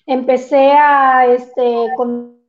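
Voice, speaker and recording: A woman, an art teacher joining an interview over a video call, talking haltingly with fillers while her audio glitches and cuts out. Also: high voice, flat delivery. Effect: glitching, cutting-out call audio. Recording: dull lo-fi video call sound.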